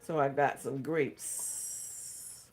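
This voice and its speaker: A man's voice: mid-range voice, steady tone, extremely slow. A man hosting a craft livestream, reading viewer comments aloud and answering them in a hesitant, thinking-aloud way.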